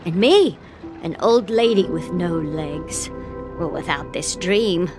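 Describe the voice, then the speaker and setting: An actress voicing a gentle, hopeful elderly woman who cannot walk, speaking slowly and reflectively in a video game. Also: fairly low pitch, expressive. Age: older. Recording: game audio with music behind.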